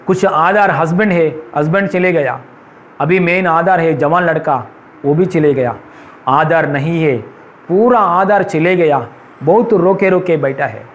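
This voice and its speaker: A pastor with an unusually high voice for a man delivers a church sermon, pressing hallelujahs again and again. He stays earnest and emphatic from start to finish.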